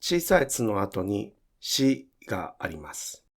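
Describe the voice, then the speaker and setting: A man teaching Japanese pronunciation in a slow, careful explanatory lesson, drawing out his example words. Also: fairly low pitch, big pitch swings.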